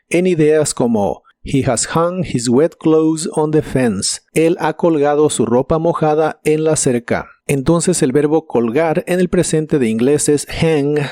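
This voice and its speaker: A man teaching English vocabulary in a scripted lesson, modelling each word slowly and carefully. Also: fairly high pitch, mellow, no room sound, clean studio sound. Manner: slow, careful model pronunciations.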